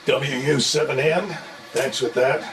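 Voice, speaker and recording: Net control, man, slow measured call-outs through a static-laden radio link, sounds far off. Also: medium pitch. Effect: radio transmission under static hiss. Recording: distant radio audio with loud static.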